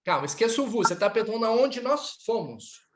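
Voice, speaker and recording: Patient Brazilian-taught French teacher drilling. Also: male voice, high voice, big pitch swings, brisk, background noise. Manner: patient, drills students, switches between languages. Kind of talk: live online class.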